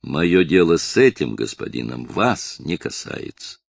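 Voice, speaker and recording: A man's voice: very deep voice, sing-song, a little slow, gravelly, no room sound, pitched below the performer's own voice, full character voice. A man reading the part of a noble marquis who speaks in a commanding voice.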